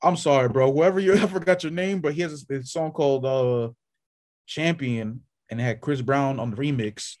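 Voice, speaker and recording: A man's voice: medium pitch, moderate pace. Rambling man on a podcast. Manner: rambling, many fillers and restarts, animated when listing names. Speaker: podcast co-host. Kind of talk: casual chat.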